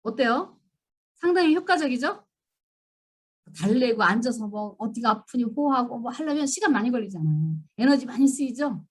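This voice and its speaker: A woman giving a church seminar lecture, telling stories and acting out scolding lines in an animated way. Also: fairly high pitch, moderate pace, husky. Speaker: seminar speaker.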